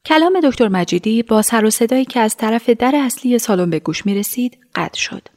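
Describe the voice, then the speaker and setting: Lady reading a story aloud, measured, sometimes near a whisper. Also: a little high, lively intonation, darkish tone. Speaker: narrator. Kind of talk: storybook narration.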